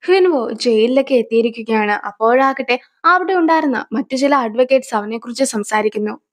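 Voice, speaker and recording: A woman's voice: on the high side, animated, a little fast. A woman retelling a drama's story as a voice-over narrator, quoting the characters' lines in her own voice.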